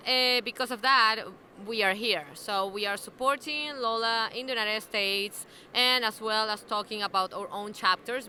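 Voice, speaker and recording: A woman's voice: medium pitch, bright, forceful tone. A woman from Venezuela with a Venezuelan Spanish accent, explaining her views earnestly with frequent "eh" fillers in a casual interview at a convention. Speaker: interviewee, alliance member. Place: busy convention venue.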